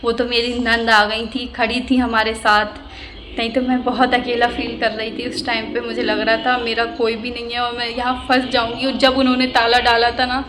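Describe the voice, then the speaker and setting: High-voiced woman telling an indignant story. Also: flat delivery, moderate pace, background noise. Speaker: vlogger. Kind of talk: storytime vlog.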